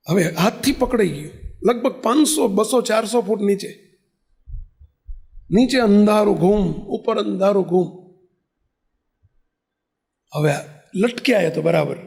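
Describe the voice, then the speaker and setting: A male preacher tells a sermon story in a very high voice with a gravelly rasp. He is animated and often pauses to check that his listeners are following. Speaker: religious preacher.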